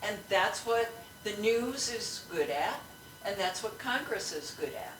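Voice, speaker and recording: A woman's voice: medium pitch, expressive, a little slow, fairly bright tone, echoey room, far from the mic, a little hiss or hum, rough recording. A woman guest in casual chat, agreeable and chatty. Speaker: podcast guest.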